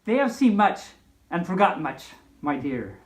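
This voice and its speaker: A woman voicing a sly male storybook wolf with a soft, coaxing manner. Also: on the low side, sing-song, normal speed, roomy sound.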